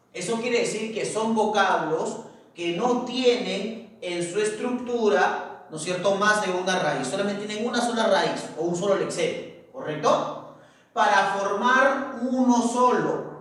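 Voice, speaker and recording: Male teacher, high voice, patient and repetitive, heavy room echo. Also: fairly bright tone. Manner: checks understanding with constant tag questions; repeats key words slowly for emphasis. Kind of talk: classroom grammar lecture. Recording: very echoey room, distant mic.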